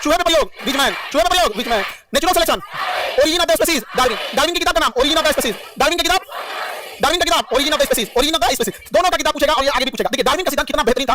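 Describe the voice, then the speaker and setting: High-voiced, fast-talking male teacher. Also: bright, forceful tone, dry recording. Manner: repetitive, quizzing, humorous. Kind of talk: classroom lecture. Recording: dry, mic at a distance.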